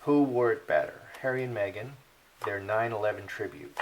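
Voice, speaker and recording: A man's voice: lowish voice, lively intonation, moderate pace, background noise. A man reading playing cards and commenting in a rambling, opinionated monologue, full of fillers and restarts. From Polish heritage. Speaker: card reader and commentator. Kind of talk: casual monologue.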